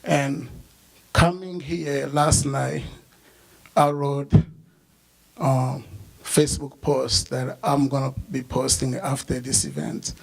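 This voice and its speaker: Young Congolese-born man, slow and gravelly, halting memorial speech. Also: mid-range voice, rough recording. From Democratic Republic of the Congo. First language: not English. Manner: halting, many "uh" fillers. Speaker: memorial speaker. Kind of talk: personal remembrance speech. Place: memorial service hall.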